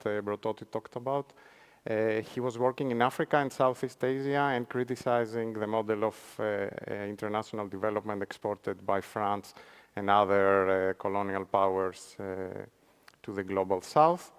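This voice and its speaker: A man's voice: mid-range voice, clear, resonant tone. A man with a Spanish accent speaking on a conference panel, lecturing with frequent fillers and restarts. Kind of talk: academic panel talk. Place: conference hall.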